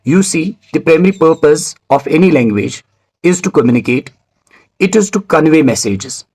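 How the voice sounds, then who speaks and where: A man teaching English pronunciation in a scripted video lecture, speaking in a measured, formal way and spelling out words letter by letter. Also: on the high side, darkish tone, husky, low-quality recording.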